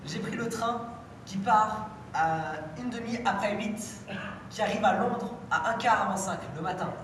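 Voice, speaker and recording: A teenage girl playing a prim, bewildered English gentleman in an amateur stage performance, formal and overly polite, heard from far off in an echoey hall. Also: mid-range voice, measured pace, slight background noise, close to an everyday voice. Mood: puzzled politeness. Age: teens. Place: school show in a hall.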